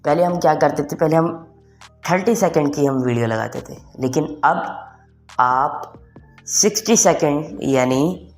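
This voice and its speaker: A young adult man delivers a casual spoken tech tutorial for online viewers at a slightly slow pace. He sounds fairly high-pitched for a man and sprinkles English words and phrases into his talk, all over background music.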